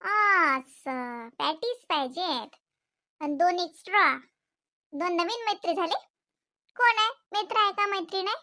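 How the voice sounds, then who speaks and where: A woman's voice: very high voice, expressive, measured pace, pauses often, sharp tone, full character voice. A woman voicing a busy middle-aged mother in a cartoon, fussing over breakfast. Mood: questioning. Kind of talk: cartoon voice acting.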